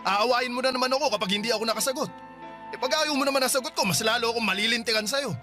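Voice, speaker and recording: In a radio drama, a man plays a weary young man in a toxic relationship, arguing with his girlfriend to defend himself. His voice is extremely high-pitched and racing, with music in the background.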